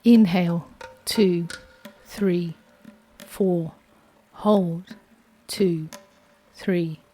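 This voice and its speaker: Very slow-paced woman guiding breathwork. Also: on the low side, dark tone, a little hiss or hum. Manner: measured, instructional. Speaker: breathwork guide. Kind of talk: guided breathing exercise with slow counting.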